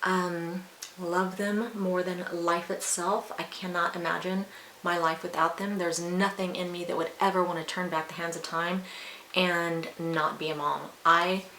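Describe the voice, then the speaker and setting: Her fairly low, bright voice sounds pushed, stays mostly flat in pitch, and moves a little slowly. This forty-something beauty vlogger chats openly to viewers over her makeup routine, wandering into asides, in an echoey recording with faint hiss.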